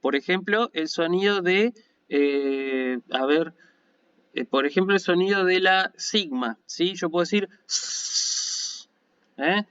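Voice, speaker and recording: A patient Argentine man lectures online on Ancient Greek as a university lecturer, explaining carefully and regularly checking in with listeners in an Argentine Spanish accent. His high voice is unhurried, a bit bright, clear, and resonant, with no echo. The audio is dull and lo-fi.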